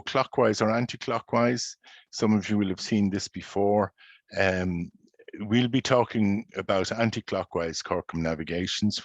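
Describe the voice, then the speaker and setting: A man giving an informal slide presentation on paddling the city's river channels, measured and explanatory with frequent ums and uhs. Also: low voice, dry recording. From Ireland.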